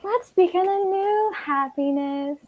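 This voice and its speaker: Woman doing a really high gushing tv host lady, slow and sing-songy, lively. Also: phone-quality sound. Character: chirpy middle-aged woman TV host. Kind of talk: table read of a screenplay.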